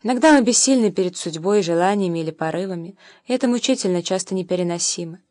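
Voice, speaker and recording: A woman reading the lines of a tender young mother who calmly teaches her son, in a soft, measured voice. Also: fairly low pitch, dry recording, clean studio sound, close to an everyday voice. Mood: gentle, reflective.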